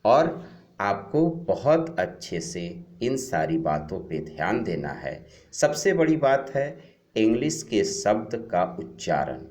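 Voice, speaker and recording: A man leads a grammar lesson for children, talking straight to his pupils. He speaks in a lowish voice that swings widely in pitch. He drills each word pair at a very slow, drawn-out pace and repeats the key points. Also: big pitch swings, darkish tone. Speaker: English teacher. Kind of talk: classroom-style grammar lesson.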